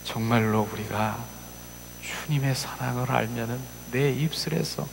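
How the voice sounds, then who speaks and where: A man's voice: medium pitch, measured pace, vocal fry, a little hiss or hum. Impassioned male pastor in a reverberant hall. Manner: dramatic, swings from soft whispers to loud cries; acts out voices in the story. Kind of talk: emotional sermon storytelling. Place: church sanctuary.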